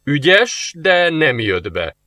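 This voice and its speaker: A man reading aloud, voicing a suave, mocking male demon who talks slowly and teasingly. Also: on the high side, big pitch swings, pushed and bright, dry recording. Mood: smug. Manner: smug, slow and teasing.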